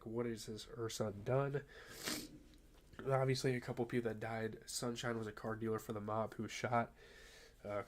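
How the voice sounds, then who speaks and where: A man's voice: mid-range voice, a little hiss or hum. A young man, a little under the weather, recapping a TV episode in a loose, chatty way with lots of fillers, reading plot summary and then riffing on it. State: a little sick. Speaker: TV show reviewer.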